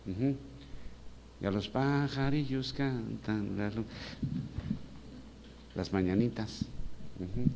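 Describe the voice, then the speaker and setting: A man's voice: mid-range voice, darkish tone. Man preaching in an echoing church. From Mexico. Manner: chatty, asks the congregation many rhetorical questions. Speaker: pastor. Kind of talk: conversational sermon. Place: church hall. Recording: long church-hall reverb, faint background hum.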